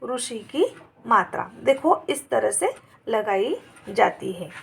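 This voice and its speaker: A woman's voice: on the high side, big pitch swings, slow, vocal fry, slightly rough. A woman teaching a grammar lesson, going through examples word by word in a patient, dictating manner.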